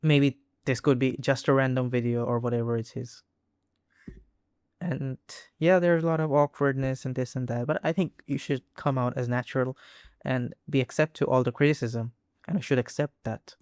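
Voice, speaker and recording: In a dry, studio-quality recording, a young man from India speaks casually to camera with an Indian English accent. His medium-pitched voice is clear, resonant, and darkish with fairly even intonation, and he hesitates often, restarting and using many fillers.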